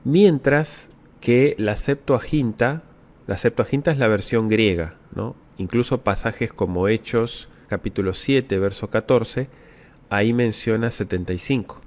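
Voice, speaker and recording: A low-pitched man from Latin America explains scripture to viewers in a patient teaching manner. He repeats his key words and keeps checking in with quick rhetorical tags. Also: a little mellow. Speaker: Bible teacher. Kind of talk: answering viewer questions.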